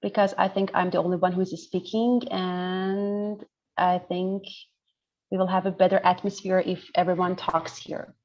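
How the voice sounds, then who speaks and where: On a muffled video call from indoors, a woman with an Iranian accent, a pediatrician and lecturer from northern Iran, runs an interactive online medical class. She explains and keeps checking that her listeners follow. Her lowish voice has little pitch movement and sounds unhurried and a little mellow.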